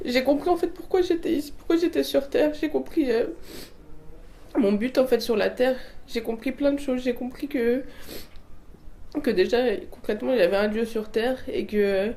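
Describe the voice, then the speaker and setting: A woman in her twenties, from a Portuguese family, hesitantly answers questions as she gives a personal testimony, often restarting and filling pauses. Her voice is mellow and medium in pitch.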